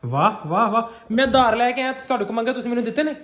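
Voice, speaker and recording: A young man with a Punjabi accent, teasing his mother in a family prank vlog. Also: quick pace. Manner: teasing, swings between loud and low. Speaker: vlogger son. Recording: echoey room.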